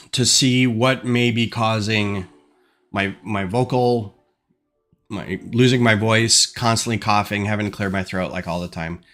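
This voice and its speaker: Speaking through a desk microphone at his home desk, a LEGO designer with a stuffed-up nose chats casually on a livestream and thinks aloud with lots of ums. His voice is on the low side and a bit bright.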